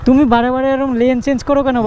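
An excitable man from West Bengal talks his viewers through a motorcycle ride and says "bhai" in almost every line. His voice sits very high for a man. Loud road and traffic noise surrounds him, picked up by a helmet mic. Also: fast. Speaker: motovlogger. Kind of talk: casual vlog commentary while riding. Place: on a motorcycle on city roads, outdoors.

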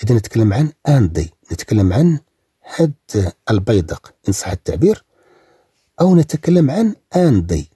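A man with a Moroccan accent teaching French pronunciation, repeating words slowly and drawing them out. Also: fairly low pitch, warm tone, husky, no room sound, studio quality. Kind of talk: recorded language lesson.

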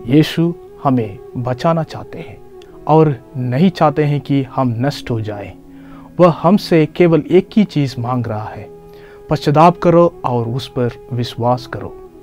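A man in his thirties, a priest, giving a measured, earnest sermon to the camera. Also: a little high, darkish tone. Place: in front of a church altar backdrop.

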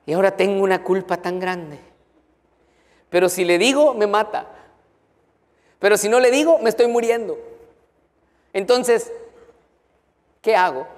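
A troubled woman from the congregation pleads for counsel in an urgent, hushed voice, as a male preacher acts her out. Her words ring through a long hall reverb. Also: high-pitched, a little slow, long pauses. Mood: anxious confiding. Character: anxious guilt-ridden woman church member, confiding.

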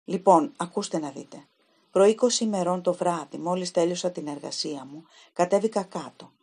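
A woman's voice: lowish voice, mellow, slightly rough. A woman voicing a frightened young typist. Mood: tearful confiding. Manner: trembling, pleading.

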